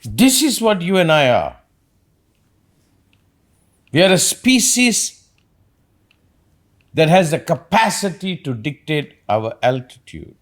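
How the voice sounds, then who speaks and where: A man hosting a reflective talk, an animated storyteller who acts out quotes as he rambles through his points. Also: fairly high pitch, slow, long pauses. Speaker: podcast host.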